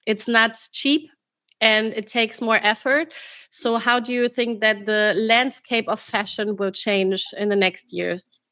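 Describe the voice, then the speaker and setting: A woman hosting an interview podcast, reading out prepared questions in a measured way. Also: a little high, steady tone, bright, forceful tone, no room sound. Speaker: podcast host.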